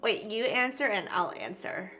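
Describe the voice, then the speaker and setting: A woman's voice: medium pitch, animated, normal speed, sharp tone, faint music behind. A young woman hosting a casual vlog chat with her husband, often laughing as she reads out viewer questions. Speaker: vlog host.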